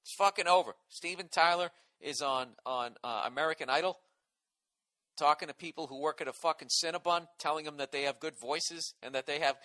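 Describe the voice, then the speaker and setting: A man's voice: on the high side, bright, forceful tone. Profane ranting man with a Boston accent. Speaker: podcast host. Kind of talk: solo podcast rant.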